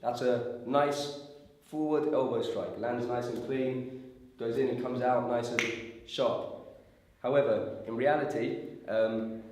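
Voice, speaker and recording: A man with a hoarse, raspy voice from a sore throat gives an informal, hands-on martial arts lesson as the instructor, checking in as he explains. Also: mid-range voice, darkish tone. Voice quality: raspy, strained voice. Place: echoey indoor training room. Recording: very echoey room with faint noise.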